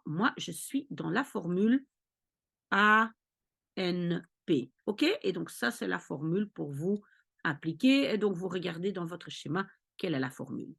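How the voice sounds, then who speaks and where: Woman tutor walking through maths slow and patient, keeps asking ok?, voice bouncing up and down. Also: medium pitch, creaky. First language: Dutch. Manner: patient, repeats checks like "ok?" and "d'accord?". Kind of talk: explanatory lesson.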